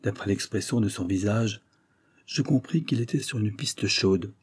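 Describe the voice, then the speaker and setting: A man narrating an audiobook in the first person, in a measured storytelling manner. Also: fairly low pitch, a little mellow, breathy edge.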